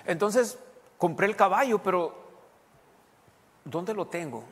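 A man's voice: high-pitched, expressive, takes it slowly. A male pastor preaching a sermon as a personal story, talking conversationally and asking his congregation questions. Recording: long hall reverb.

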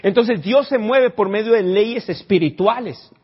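Husky pastor preaching. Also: male voice, high voice, a little slow. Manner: conversational preaching, quizzing the congregation. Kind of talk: sermon. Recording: dull lo-fi recording.

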